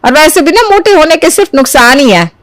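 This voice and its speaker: A woman's voice: high-pitched, animated, fairly quick, no room sound. A coaxing cartoon mother. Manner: coaxing, reasoning. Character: practical middle-aged mother.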